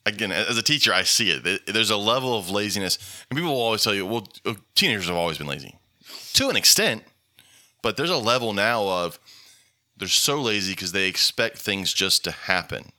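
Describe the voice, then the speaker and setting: Low-voiced man, opinionated podcast host. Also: a little fast, sharp tone. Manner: opinionated, exasperated. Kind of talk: casual podcast chat.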